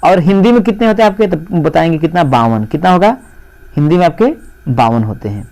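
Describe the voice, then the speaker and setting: Brief: male tutor, high-pitched, walks through exam answers by posing and answering his own questions. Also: lively intonation, fairly quick, a little mellow, low-quality recording. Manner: rhetorical questions answered himself, repeats "dekhiye" and "mere doston". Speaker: teacher. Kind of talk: exam paper walkthrough lesson.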